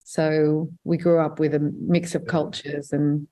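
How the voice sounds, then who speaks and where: A woman in her fifties speaks with an Australian accent in a low, relaxed voice. Her pitch stays fairly level as she tells personal stories in a conversational interview style. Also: slow. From Sydney, Australia. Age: 50s. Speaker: interview guest, journalist.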